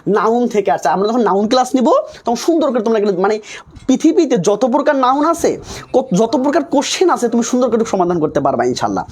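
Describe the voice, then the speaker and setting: A man's voice: very high-pitched, sing-song, fast talker, a little mellow, husky. A young man teaching English for nursing exams in a live online class, coaxing students and repeating himself as he quizzes them.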